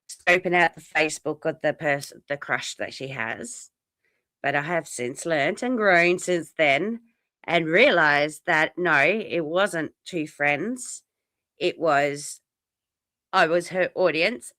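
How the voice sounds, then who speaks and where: A woman's voice: deep voice, bright, forceful tone, no echo. A woman guest on a casual livestream, blunt and indignant, swearing as she talks.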